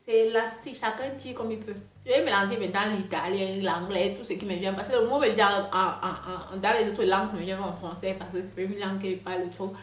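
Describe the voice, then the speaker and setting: A woman's voice: medium pitch, fairly even intonation, a little fast, few pauses. Chatty woman with a foreign accent, roomy echo. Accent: non-native French accent. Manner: rambling, chatty, many fillers and restarts. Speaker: hair vlogger. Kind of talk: casual storytime monologue. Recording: roomy echo with faint music.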